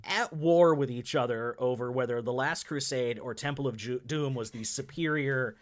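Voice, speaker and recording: A man's voice: medium pitch, moderate pace. A man co-hosting a podcast, talking casually and at length about films, often laughing as he talks. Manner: chatty, rambling, laughs while talking. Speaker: podcast co-host. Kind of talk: casual film-review chat.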